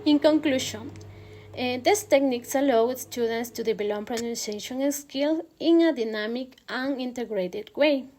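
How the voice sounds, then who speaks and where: A young woman giving a recorded class presentation on teaching pronunciation, pausing often with hesitant "eh" fillers. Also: on the high side, darkish tone, a little hiss or hum. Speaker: student presenter.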